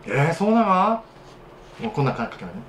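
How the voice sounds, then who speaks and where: A man's voice: a little high, sing-song, fast talker, background noise. Chatty man with a Tosa accent. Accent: Tosa dialect of Kochi. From Kochi, Japan. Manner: chatty and self-mocking, demonstrating dialect phrases. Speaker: radio show host, voice actor. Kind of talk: casual solo radio talk.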